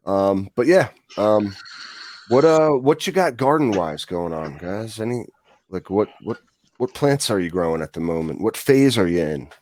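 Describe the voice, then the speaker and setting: A man's voice: lowish voice, darkish tone, dry recording. Rambling, joking male podcast co-host. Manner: joking, rambling, many fillers and restarts. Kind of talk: casual chat.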